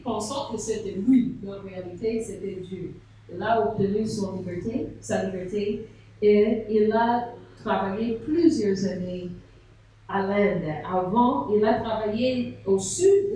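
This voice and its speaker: In a sermon at a seminar, a woman pastor tells a story and asks rhetorical questions. Her voice is medium-pitched and slightly mellow. The recording picks her up from far off in a large, echoey church hall, with a little hiss or hum.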